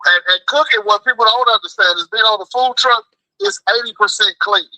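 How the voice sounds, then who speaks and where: This American man, a food truck cook phoning in, speaks fairly quickly in a high-pitched, bright, forceful voice. Chatting and storytelling, he leans on slang, emphasis and repetition. The call audio is dry and rough.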